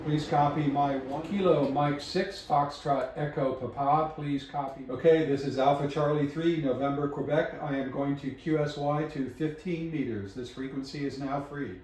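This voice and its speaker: A man at an indoor radio station makes ham radio calls, reeling off call signs in the phonetic alphabet. His delivery is clipped and measured, with a middling pitch. The headset mic picks him up in a room with a noticeable echo. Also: fairly even intonation, a little mellow, a little hiss or hum. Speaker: amateur radio operator. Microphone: headset microphone. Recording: echoey room.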